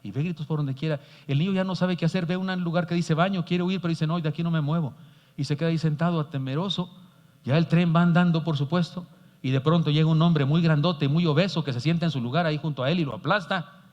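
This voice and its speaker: A man preaching a sermon as pastor, telling a story in an earnest, animated way. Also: fairly high pitch, quick pace. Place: church sanctuary. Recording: dull sound, long church reverb.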